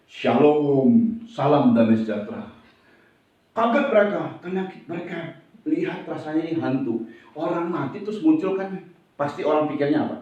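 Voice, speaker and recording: Male pastor, high and very lively delivery, sermon recorded from far off in an echoey hall. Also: a little fast. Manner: lively, animated preaching with acted-out asides. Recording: echoey hall, distant and dull.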